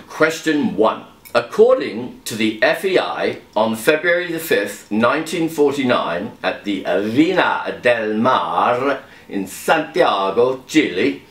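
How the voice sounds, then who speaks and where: Male quiz host, chatty wry asides, slow unhurried reading, echoey room. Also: mid-range voice, a bit bright.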